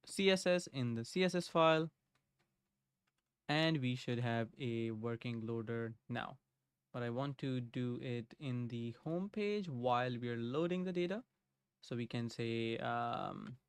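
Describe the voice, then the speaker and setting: Casual live coding chat from a young man at his home desk, who thinks aloud as he works and says hello to viewers in the chat. His medium-pitched voice is smooth, captured by a desk microphone in a dry recording.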